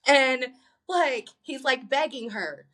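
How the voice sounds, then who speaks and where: A woman co-hosting a podcast in casual chat, animated, swearing freely and acting out lines from a movie. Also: high-pitched, slow. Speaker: podcast co-host.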